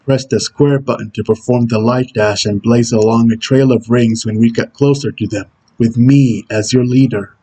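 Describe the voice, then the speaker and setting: Husky, stern, brooding game antihero played by a man, medium pitch, delivering terse tutorial instructions. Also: steady tone, moderate pace, hardly any pauses, warm tone, close to an everyday voice, low-quality recording. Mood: stern, instructional. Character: Shadow, brooding male video game antihero giving tutorial hints. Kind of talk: character impression reading game tutorial instructions.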